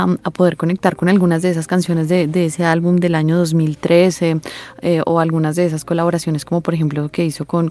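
Female interviewer, lower register, measured and slightly hesitant questions. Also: a little mellow.

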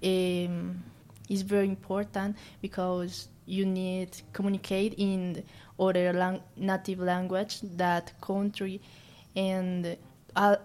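In a medium-pitched, darkish voice, a young Colombian woman studying at university tackles interview questions in English, which isn't her first language. Her Colombian Spanish accent is clear, and she hesitates, gropes for words, and restarts frequently.

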